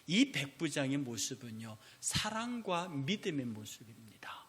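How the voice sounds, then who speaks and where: Man, pastor, Sunday sermon, high voice, animated storytelling. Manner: animated storytelling, acting out dialogue. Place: church sanctuary.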